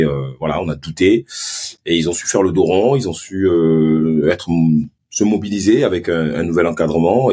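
In a relaxed podcast interview, a former pro footballer who now runs a sports marketing agency speaks with a Marseille French accent, his roots split between Ivory Coast and Marseille. His voice is deep, low and husky. He spins his stories with lively animation, tripping over restarts along the way.

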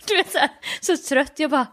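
A young woman co-hosting a casual podcast, telling stories and acting out little exchanges with laughs. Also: sits high. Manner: animated storytelling, acts out little dialogues with laughs. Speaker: podcast co-host. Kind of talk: casual chat.

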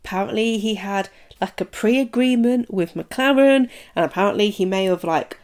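A woman's voice: medium pitch, moderate pace, darkish tone. A young woman from the United Kingdom hosting a casual solo podcast, chatty and full of "um" and "like". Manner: chatty, many fillers like "um" and "like". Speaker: podcast host.

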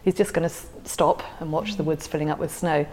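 As an interview guest on a podcast, a woman reflects on a favourite poem, thoughtfully repeating words as she goes. Her voice is low, a little mellow and fairly quick, recorded poorly in a large hall.

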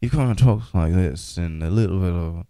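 A man hosting a casual podcast chat, laughing often and swinging from loud outbursts to low mumbles. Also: moderate pace. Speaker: podcast host.

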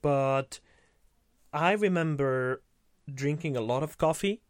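A man's voice: a little high, slow pace, no echo, studio quality. A man co-hosting a casual podcast, thinking aloud hesitantly with many fillers. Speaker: podcast co-host.

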